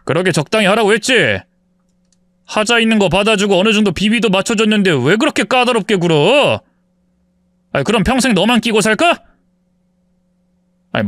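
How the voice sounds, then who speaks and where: A man's voice: sits high, fairly bright tone, dry recording, studio quality. A man voicing an arrogant husband in his forties who mocks his wife and justifies his cheating. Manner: contemptuous, mocking, self-justifying. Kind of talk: dramatized story reading.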